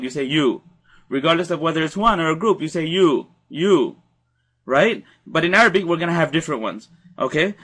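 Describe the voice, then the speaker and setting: A man with a slightly raised pitch teaches a recorded grammar lesson. He explains step by step in a patient, methodical way and circles back to stress key ideas. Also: a bit bright. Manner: patient, explanatory, repeats points for emphasis. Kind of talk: recorded slide-presentation lecture.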